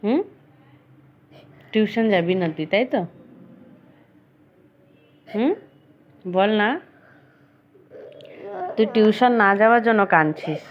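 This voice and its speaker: A woman at home gently questioning and scolding her crying child in a casual home video. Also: medium pitch, takes it slowly, long pauses, slight background noise. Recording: dull lo-fi sound over loud child crying. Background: loud crying child.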